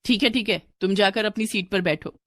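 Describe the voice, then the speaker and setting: Woman doing a stern bossy teacher lady in a storybook, sharp scolding tone. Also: medium pitch, fairly quick, no echo, natural voice. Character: strict scolding female schoolteacher, adult.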